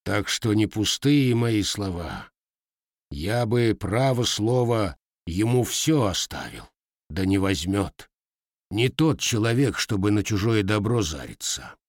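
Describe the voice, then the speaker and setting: A man's voice: lowish voice, sing-song, dry recording, studio quality, exaggerated voice. A man reading a stern old grandfather who speaks firmly and unhurriedly. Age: older. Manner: firm, unhurried, old-fashioned speech. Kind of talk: audiobook character voice.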